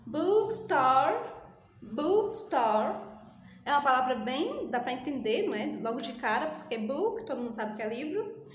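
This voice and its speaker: A woman from Brazil teaches a school English lesson in a high, light voice. She is patient and repetitive, slowing down to drill each word. The recording is very echoey, with faint ambience behind her. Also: slight background noise. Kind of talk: recorded online class.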